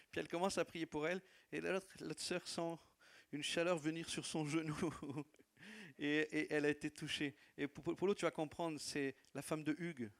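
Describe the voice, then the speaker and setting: A man's voice: a little high, level tone, moderate pace, vocal fry. A man with a non-native French accent preaching as a pastor, telling stories of his church with laughs and repeated phrases. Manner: warm storytelling with laughs and repetitions. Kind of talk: sermon testimony. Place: church hall.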